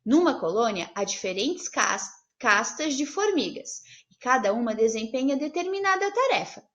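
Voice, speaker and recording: A woman teaching a remote primary class, speaking in slow, sing-song teacherly phrases and spelling out words syllable by syllable. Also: a little high, big pitch swings, fairly bright tone.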